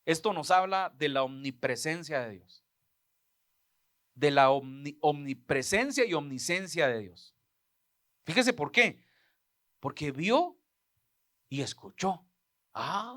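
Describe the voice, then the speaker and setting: A man's voice: fairly high pitch, fairly bright tone, no room sound, studio quality. A man preaching a sermon as pastor, emphatic, turning to the congregation with frequent asides.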